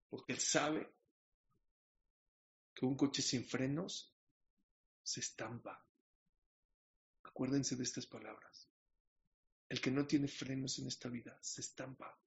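A man's voice: medium pitch, gravelly, highs cut off. A man preaching a sermon, telling a parable and asking his listeners questions. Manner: storytelling with questions to the audience.

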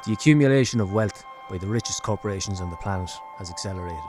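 A man narrating a scripted documentary podcast in a measured, serious way. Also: low-pitched. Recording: music behind the narration. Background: music.

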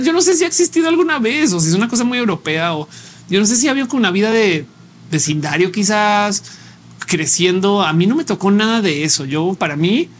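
A man's voice: high voice, slight background noise. A man with a Mexican Spanish accent hosting a casual live show, thinking aloud in a conversational way and reading viewer comments.

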